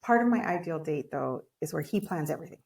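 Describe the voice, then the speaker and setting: A woman's voice: deep voice, animated, fast talker, gravelly, a little mellow, roomy sound. A woman in her thirties co-hosting a casual podcast chat, blunt and frank, laughing often. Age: 30s. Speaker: podcast co-host.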